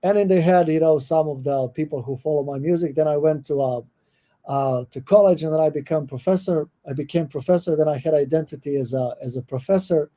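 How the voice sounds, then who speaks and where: A guest professor in middle age, Croatian-born and Croatian-accented, gives considered answers to a podcast interviewer. He has a slightly high, warm voice and regularly pauses on fillers before restarting his thoughts.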